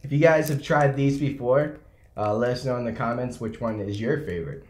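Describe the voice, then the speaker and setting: A woman's voice: extremely low pitch, fairly quick, a little mellow. A woman hosting a casual taste test, chatting while she sucks on sour candy. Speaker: host of a candy tasting video.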